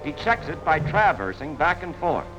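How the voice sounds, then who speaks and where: With big swings in pitch and a slightly high voice, an American man instructs at normal speed in the plain, punchy manner of a 1940s military training film. Music plays behind him, and the lo-fi sound comes from a noisy 1940s film soundtrack.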